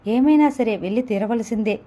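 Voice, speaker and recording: A frightened young woman student in an audio novel, as a woman narrator voices her, high and anxious. Her voice sits a little high with a soft, mellow tone, urgent and pleading. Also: brisk, close to an everyday voice. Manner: pleading then fretful, raised over the rain.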